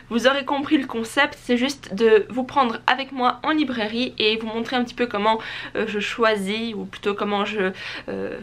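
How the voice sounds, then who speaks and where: A woman's voice: on the high side, a bit bright. Chatty young woman vlogging. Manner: chatty, with frequent "euh" fillers and self-corrections. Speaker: book vlogger. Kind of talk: casual chat to camera.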